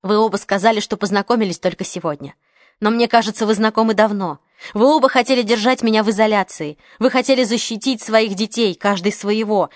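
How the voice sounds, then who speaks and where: A woman's voice: mid-range voice, brisk, no room sound, studio quality, close to an everyday voice. A woman reading the part of a young journalist who speaks urgently and firmly. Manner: urgent, forceful. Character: determined young journalist woman, tense and defiant.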